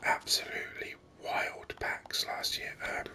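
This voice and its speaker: Whispering softly and slowly in ASMR style, a gaming video host speaks right up against the mic and muses about the game while playing.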